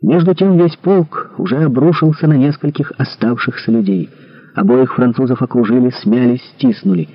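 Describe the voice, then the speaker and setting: A man reads an adventure novel aloud with dramatic expression. His voice is husky and mid-pitched, and the recording sounds slightly dull and lo-fi. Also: moderate pace. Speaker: audiobook narrator. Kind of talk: scripted narration.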